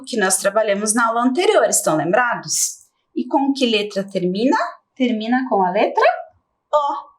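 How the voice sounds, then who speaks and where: A middle-aged Brazilian woman teaching young children in a TV lesson, stretching key words slowly and clearly. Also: medium pitch. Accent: Brazilian Portuguese.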